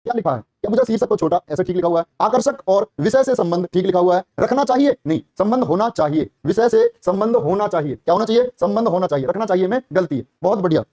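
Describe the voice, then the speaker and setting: A man runs a live online class preparing students for a police exam, firing quick questions, echoing each answer, and warmly praising them as brother and child. His voice sits high with a sing-song lilt, and there's no echo.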